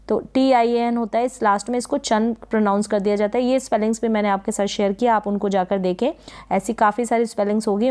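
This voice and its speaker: A woman's voice: on the high side, a little mellow, smooth. A woman teaching English spelling and pronunciation, patiently repeating each word and asking rhetorical questions.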